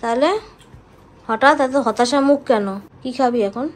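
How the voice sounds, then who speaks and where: A young adult woman vlogging in a casual, chatty way, speaking softly and sparingly because of a sore tooth, and teasing her family. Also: fairly high pitch, fairly even intonation, moderate pace, slight background noise, rough recording. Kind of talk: casual vlog chat.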